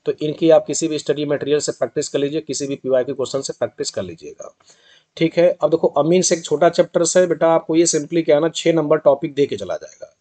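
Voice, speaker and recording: Mellow-voiced chemistry teacher. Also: male voice, a little high, steady tone, quick pace. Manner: addresses students fondly as "beta", repeats rhetorical questions. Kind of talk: exam revision lesson.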